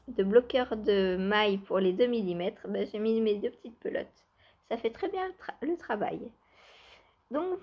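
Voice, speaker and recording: Brief: chatty knitting vlogger, woman, slightly high voice, relaxed and giggly. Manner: chatty, laughs often, many fillers. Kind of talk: casual knitting vlog chat. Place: outdoors or by open door, cool weather.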